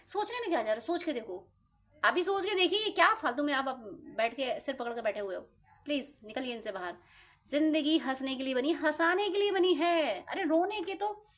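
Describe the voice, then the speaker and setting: A woman tarot reader, giving a casual motivational talk to her viewers in a chatty, playful way with quick acted-out asides. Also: sits high.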